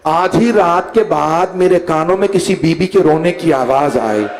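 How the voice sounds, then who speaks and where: A man preaching a majlis sermon voices a very old, deaf and blind companion who recounts a night of weeping, slow and mournful, rising to cries. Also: fairly high pitch.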